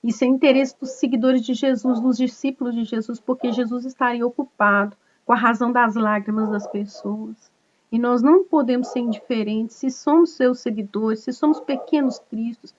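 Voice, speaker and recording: A woman's voice: on the high side, normal speed, a little mellow, muffled recording, slight background noise. A woman pastor giving an earnest, conversational sermon to an online group, often tagging her points with little questions. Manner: earnest, conversational preaching with frequent tag questions. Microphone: online video call.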